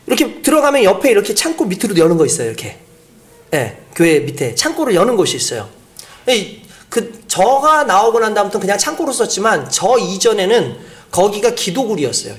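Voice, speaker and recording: A man preaching a sermon as pastor, acting out quoted voices with dramatic shifts. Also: sits high. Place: church sanctuary.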